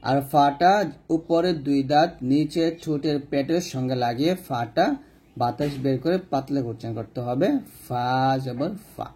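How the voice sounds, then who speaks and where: A man with a Bangladeshi Bengali accent teaching a step-by-step recitation lesson, repeating each rule and drilling letters slowly. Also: mid-range voice, mellow, breathy edge. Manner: repeats rules and drills letters slowly, asks questions to the viewer. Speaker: Quran reading teacher.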